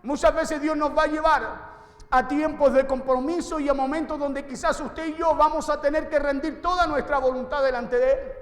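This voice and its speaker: A man's voice: very high-pitched, steady tone, moderate pace. A male pastor, preaching a sermon to his congregation and asking them questions. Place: church hall. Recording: echoey hall reverb.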